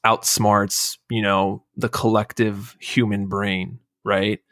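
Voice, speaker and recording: A man's voice: lowish voice, level tone, slow, fairly bright tone, no room sound, studio quality. A man hosting a casual podcast discussion, explaining at length and often checking in with "right?". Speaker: podcast host.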